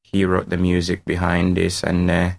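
A deep, gravelly-voiced man from Uganda talks as a guest musician. He sounds tired and unhurried and fills his answers with "you know.". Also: completely flat delivery. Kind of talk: casual interview.

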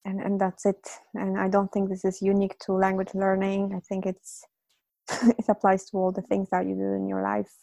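A native Polish speaker in her thirties, a language teacher and psychologist, reflects on teaching and learning as an interview guest, thinking aloud with fillers and soft laughs. Her mid-range voice is monotone with vocal fry, moving at a moderate pace, and there's no echo.

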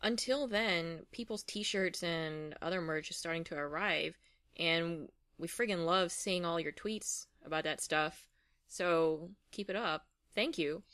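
A woman's voice: fairly low pitch, a little slow, a bit bright, clear, resonant tone, no echo, clean studio sound. A woman co-hosting a casual sports podcast, playful and easygoing, with filler words. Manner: casual, playful, says "like" and "friggin'". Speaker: podcast co-host. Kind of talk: casual chat.

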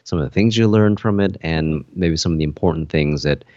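A man's voice: rumbling low, brisk, darkish tone, no room sound, lo-fi sound. A man co-hosting a podcast in casual chat, rambling with many fillers and restarts. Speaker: podcast co-host.

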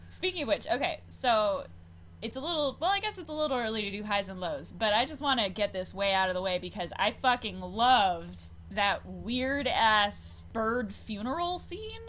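A woman's voice: on the high side, expressive, normal speed, fairly bright tone, a little hiss or hum. A woman chatting casually about a movie, wry and questioning as she picks apart the plot logic. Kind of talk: casual chat reviewing a movie.

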